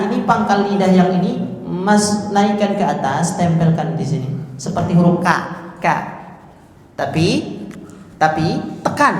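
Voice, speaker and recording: A man's voice: high-pitched, slight background noise. A man teaching Quran pronunciation, patiently drilling each sound by repeating it. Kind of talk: tahsin pronunciation lesson. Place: mosque hall. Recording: echoey mosque hall with long reverb.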